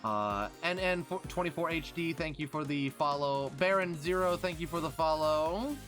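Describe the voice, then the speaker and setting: A man's voice: fairly high pitch, normal speed, a bit bright, soft background music. A man streaming live, chatting casually and reading out thanks to followers.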